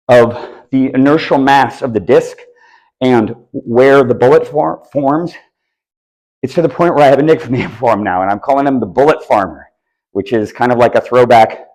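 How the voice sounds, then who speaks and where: A man's voice: mid-range voice, a little mellow, low-quality recording. A man teaching disc golf technique, explaining casually while demonstrating throws. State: a bit out of breath. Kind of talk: instructional demonstration. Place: outdoors on a course.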